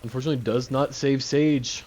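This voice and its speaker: A man's voice: medium pitch, fairly even intonation, a little fast, darkish tone. A man casting an esports match as play-by-play commentator, joking and laughing between calls. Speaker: esports caster.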